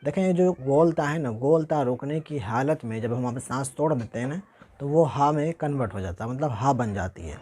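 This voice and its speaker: A man teaching Quran reading, reciting each word slowly and carefully and explaining pronunciation. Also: medium pitch, lively intonation, a little mellow.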